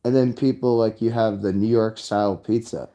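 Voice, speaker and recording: A man's voice: fairly low pitch, steady tone, normal speed, dark tone. A man talking in a rambling solo monologue, drifting between thoughts and slipping into quoted lines. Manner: rambling, breaks into sung lyrics and put-on quotes.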